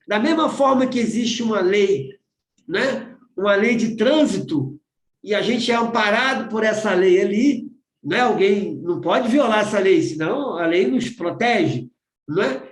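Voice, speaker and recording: A Brazilian man with a fairly high voice leads a spiritual study group over a video call. He talks in a loose, conversational way, repeating phrases and asking "né?" again and again. The sound is roomy and echoey. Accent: Brazilian Portuguese. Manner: keeps asking "né?", repeats himself.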